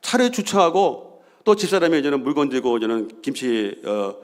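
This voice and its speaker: A man's voice: medium pitch, moderate pace. A man in his fifties, a senior pastor, telling stories in a Sunday sermon and acting out the quoted lines. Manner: animated, acts out quoted bickering and voices.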